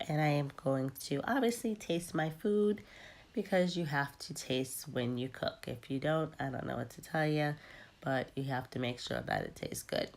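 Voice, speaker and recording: Tired low-voiced woman with a cold. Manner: relaxed, chatty with frequent ums. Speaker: cooking vlogger. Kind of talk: casual cooking narration.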